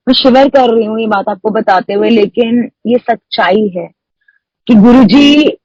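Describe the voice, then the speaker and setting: A woman's voice: mid-range voice, a little mellow, slightly rough, no room sound. Emotional young woman, dull call audio. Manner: emotional storytelling, mixing English into Hindi. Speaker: devotee sharing a testimony. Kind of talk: personal testimony at a prayer meeting.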